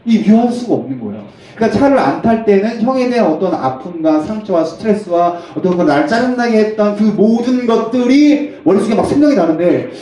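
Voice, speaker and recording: A man preaching at a youth service, telling a family story with lively acted-out dialogue. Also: sits high, echoey room, recorded from a distance, poor audio. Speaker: pastor. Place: church hall.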